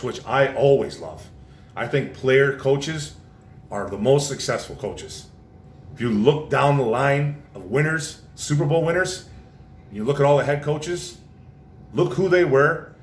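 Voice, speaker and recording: A male vlogger delivers a heated, repetitive, casual rant about sports, frequently throwing in "man." The recording has a roomy echo and a faint low rumble underneath.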